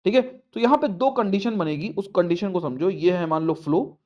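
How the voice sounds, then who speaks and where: A man's voice: high voice, moderate pace, darkish tone, lo-fi sound. A male maths teacher explaining a lesson step by step, coaxing his students and asking them questions. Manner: coaxing, asks students questions, repeats points.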